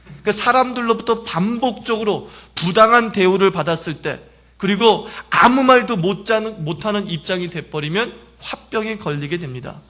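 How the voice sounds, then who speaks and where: High-voiced pastor preaching emphatically. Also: male voice, sharp tone. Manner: emphatic, acts out cries and prayers. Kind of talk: sermon.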